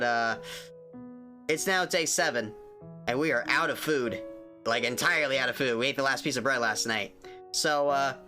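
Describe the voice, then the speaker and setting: A game streamer chatting casually with viewers during a playthrough, making sweary, joking asides. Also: medium pitch.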